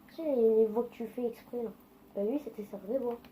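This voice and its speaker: A woman chats her way through a gameplay session, swearing freely and talking straight to her viewers. Her voice sits a little high with a soft, mellow tone. A faint noise runs under the recording. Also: a little fast, low-quality recording. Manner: chatty and foul-mouthed, talking to viewers. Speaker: gaming video creator. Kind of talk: casual gameplay commentary.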